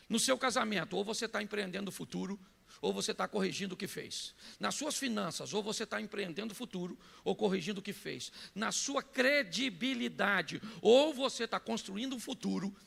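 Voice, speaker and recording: A man with a Brazilian Portuguese accent preaching a sermon, telling stories and breaking into shouts. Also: high-pitched, vocal fry, breathy edge, big-room sound. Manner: storytelling preacher who bursts into shouts. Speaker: pastor.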